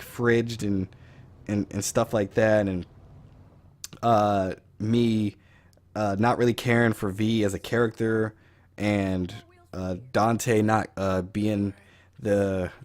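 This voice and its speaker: A man with a raspy voice from a cold, giving a casual, rambling video game review as the host of his channel. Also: fairly low pitch, darkish tone. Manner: rambling, loose, with fillers and profanity.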